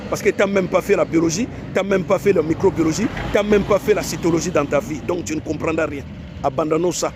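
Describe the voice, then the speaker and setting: Man from Africa, fairly high voice, emphatic online monologue, repeats himself, rhetorical questions, faint outdoor noise. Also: quick pace. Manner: repetitive, exhorting, rhetorical questions. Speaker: online commentator.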